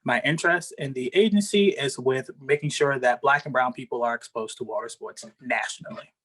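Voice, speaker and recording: A man in his twenties, a volunteer, gives a relaxed, conversational self-introduction. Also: medium pitch, fairly quick. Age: 20s.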